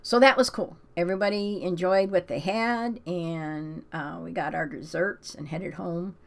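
A woman's voice: lowish voice, unhurried, gravelly. An older woman hosting a casual talk show, chatting with many ums and restarts and reading scripture aloud. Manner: rambling, frequent ums and restarts; emotional, close to tears. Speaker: host.

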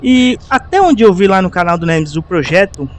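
Over noisy in-game traffic and car sounds, a Brazilian gaming video host chats casually about his play, slangy and fond of tag questions. He has a high, animated voice at a normal speed.

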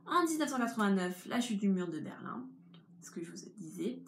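A woman's voice: medium pitch, big pitch swings, fairly quick, gravelly. A young woman giving an informal history lesson, explaining step by step in a chatty way. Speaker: history tutor. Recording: echoey room with faint ambience.

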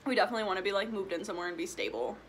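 A twenty-year-old vlogger from Illinois eats while answering viewer questions in a casual mukbang Q&A, filmed in a small room at home. Her mid-range voice goes rapid-fire, and there's a little hiss or hum. She's chatty and drops "like" and "um" constantly.

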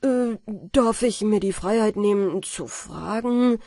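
A woman voicing a cheeky, bold young fisherman in a storybook reading, louder and eager. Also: mid-range voice, slow, no echo, clean studio sound.

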